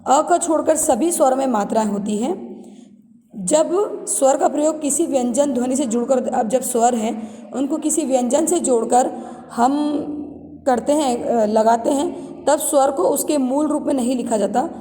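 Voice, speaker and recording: Woman teacher explaining slowly in an echoey room. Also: sits high, dark tone. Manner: reads a definition, then repeats and explains it slowly; addresses students directly. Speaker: Hindi teacher. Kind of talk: classroom grammar lesson.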